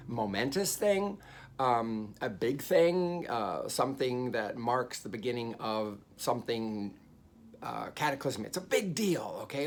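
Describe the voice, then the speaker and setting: Gravelly-voiced man teaching Bible study. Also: mid-range voice, a little hiss or hum. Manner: conversational teacher with frequent fillers and restarts; explains Hebrew words and pronunciations.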